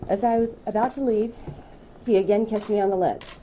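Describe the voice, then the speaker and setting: Woman in her thirties, deliberate reader of a formal statement, very dark voice, faint hiss in the room. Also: medium pitch, fairly even intonation, rough recording. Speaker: speaker at a news conference. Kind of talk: reading a prepared statement. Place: news conference room.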